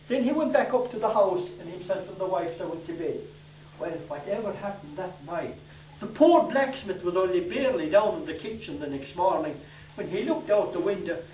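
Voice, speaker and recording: A man's voice: high-pitched, a little mellow, a little hiss or hum. An older man with an Irish accent telling comic stories to a live audience, leisurely and dryly humorous. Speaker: storyteller. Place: day centre hall. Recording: echoey room from far off.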